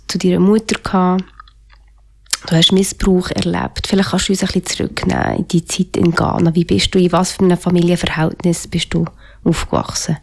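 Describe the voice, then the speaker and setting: Gravelly-voiced woman interviewer. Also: fairly low pitch. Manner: calm, probing questions. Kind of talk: interview questions.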